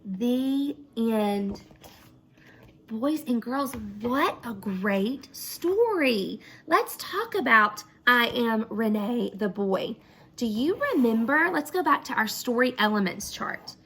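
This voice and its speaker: A teacher with a slightly high voice and a slow delivery reads a picture book to children. She's expressive throughout and follows up by asking the class about what they heard.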